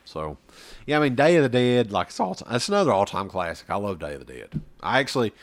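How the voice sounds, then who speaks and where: A man with a very low voice rambles through a casual chat, full of fillers and the odd swear word. His pitch swings widely as he talks. The sound is dry and close. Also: big pitch swings, quick pace, no echo. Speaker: podcast co-host. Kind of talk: casual chat about horror films.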